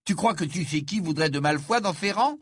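A scoffing teenage boy wizard, as a man voices him in a storybook reading, jumping well above his own pitch. The tone is disbelieving and a little loud, with a husky grain. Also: expressive, brisk, no room sound, studio quality.

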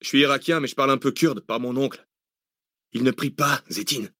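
A man voicing a hesitant young male militiaman who explains with pauses, in a dry audiobook reading. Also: mid-range voice, sharp tone, dry recording, pitched above the performer's own voice. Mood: explaining.

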